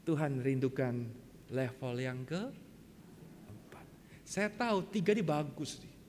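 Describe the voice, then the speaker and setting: A male pastor preaching a sermon, asking the congregation questions, swinging from loud exclamations to hushed whispers and mixing in English words. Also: mid-range voice, lively intonation, slow, big-room sound, slight background noise. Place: church hall.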